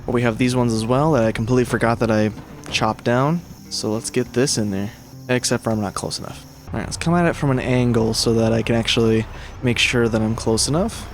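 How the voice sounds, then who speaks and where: A man's voice: mid-range voice, steady tone, brisk, slight background noise. A man giving casual let's-play commentary as a gaming creator, rambling and correcting himself, swearing when things go wrong. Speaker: gaming YouTuber.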